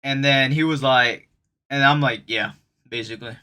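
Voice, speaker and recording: A young man telling a casual storytime in an animated, slangy way, acting out the quotes. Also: mid-range voice, measured pace, smooth.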